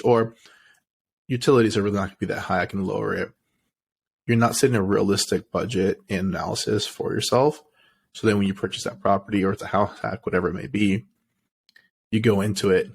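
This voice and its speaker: A young man with a slightly low, husky voice gives blunt advice in a casual podcast chat. He talks in an animated way, often slipping into quoted inner voices to make his point. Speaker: podcast co-host.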